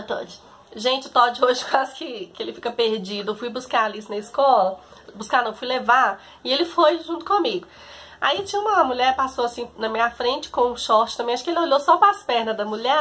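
A woman's voice: on the high side, fairly bright tone. A woman with a Brazilian Portuguese accent, chatting casually to her viewers while showing her backyard garden outdoors. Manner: chatty, homely, often calls out to her viewers. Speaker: home and garden vlogger.

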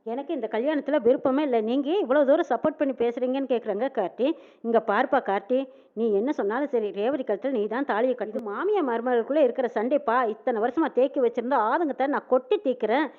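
A woman's voice: sits high, quick pace. A woman retelling a TV serial episode, acting out each character's quoted lines. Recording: tinny phone-like sound.

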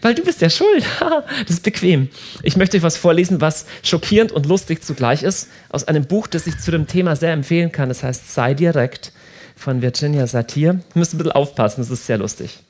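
A man giving a lively talk to a live audience, animated and often repeating himself as he restarts sentences. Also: on the high side, brisk. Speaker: speaker at a prayer house.

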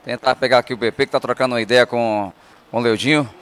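A man reporting live from a football pitch into a handheld mic, repeating words as he searches. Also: fairly even intonation, quick pace, a bit bright, clean tone. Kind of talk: live, improvised reporting and interviewing. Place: outdoors on a football pitch at night. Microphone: handheld reporter microphone.

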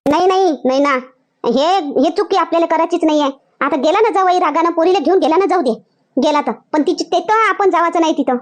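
Rural comedy skit: a woman as a scolding, protective mother, Varhadi Marathi accent, very high and fast. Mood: firm. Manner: scolding, insistent, repeats points. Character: village mother, firm and protective of her daughter.

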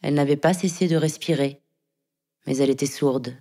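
A woman reading a literary, poetic text in a measured, deliberate way. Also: deep voice, fairly even intonation, warm tone. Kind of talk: poetic narration.

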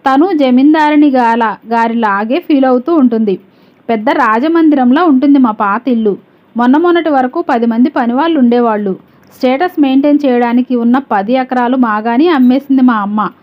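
A woman's voice: sits high, normal speed. A woman narrating a novel as an audiobook, reading the quoted dialogue with only light changes of voice. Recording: dull lo-fi sound.

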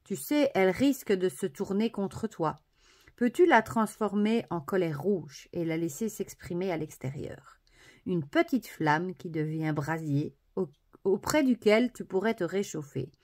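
A woman presenting an oracle card deck, softly admiring each card and then reading the booklet text aloud. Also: on the low side, expressive, unhurried.

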